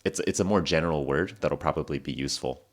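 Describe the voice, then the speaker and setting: A podcast host in his twenties tells stories for English learners in a casual monologue, talking fast and rambling easily. He fills it with ums, restarts, and self-corrections, and his morning voice sits lower than usual.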